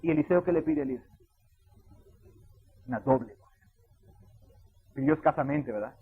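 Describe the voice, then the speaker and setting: A man preaching a sermon as pastor, swinging between loud emphatic bursts and quiet asides. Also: on the high side, animated, a little fast, breathy edge. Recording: tinny phone-like sound.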